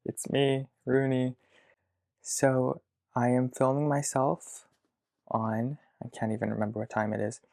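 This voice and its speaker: A man of about twenty talking to his future self in a video diary from his childhood bedroom, hesitant and reflective, pausing to think aloud. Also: medium pitch, little pitch movement, vocal fry, a little mellow. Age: around 20. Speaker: vlogger.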